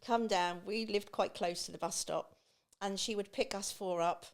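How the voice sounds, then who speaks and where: A podcast guest who runs a beach hut business in Great Yarmouth, England, this middle-aged woman speaks with an East Anglian accent. In a steady mid-range voice at moderate pace, she chats through personal stories, performing remarks she remembers.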